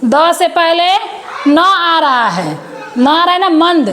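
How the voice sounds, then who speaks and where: A woman's voice: very high voice, lively intonation, takes it slowly, a bit bright, a little hiss or hum. A woman teaching a grammar lesson to children, patiently repeating words and asking them questions.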